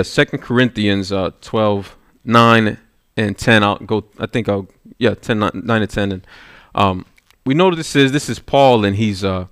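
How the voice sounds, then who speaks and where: Preaching in a fairly low, slightly bright voice, a man tells the congregation a personal story that builds in intensity. He checks in with them as he goes, frequently asking "right?", and the studio-quality audio has no room sound.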